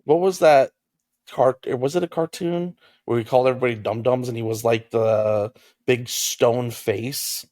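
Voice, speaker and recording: A man's voice: medium pitch, fairly even intonation, normal speed, a little mellow, dry recording. A young man co-hosting a casual podcast chat, jokey and rambling, often trailing off mid-thought. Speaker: podcast co-host.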